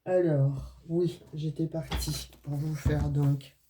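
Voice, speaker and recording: Slow, steady and dark-toned, a deep-voiced woman with a non-Parisian regional French accent chats through a casual tarot and oracle card reading. She addresses viewers directly, peppering her talk with "euh" and "hein," over slight background noise.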